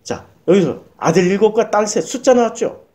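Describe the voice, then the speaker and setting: A man's voice: sits high, fairly quick, darkish tone. A male pastor giving a sermon in a church, hammering home points with repeated rhetorical questions to the congregation.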